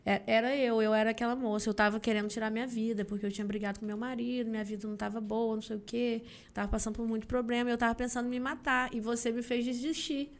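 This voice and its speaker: With a fairly high pitch, she talks fast with few pauses: a young Brazilian singer on a podcast, animatedly telling a story and voicing the people in it.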